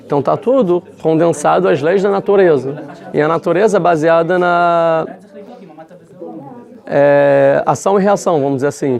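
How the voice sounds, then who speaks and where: Leading an informal religious lesson, a man whose voice sits on the high side with a darkish tone talks conversationally, frequently restarting, using fillers, and posing rhetorical questions.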